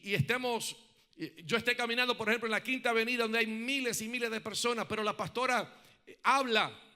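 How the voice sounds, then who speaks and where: Preaching in a high, smooth voice, this pastor urges his congregation to respond and fills his sermon with rhetorical questions. He moves from loud, emphatic highs to quiet, reflective stretches.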